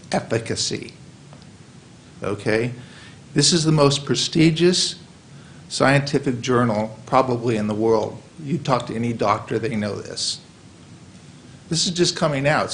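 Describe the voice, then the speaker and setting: A man's voice: mid-range voice, gravelly, poor audio. A man speaking during public comment at a county board meeting, emotional and insistent, reading passages aloud.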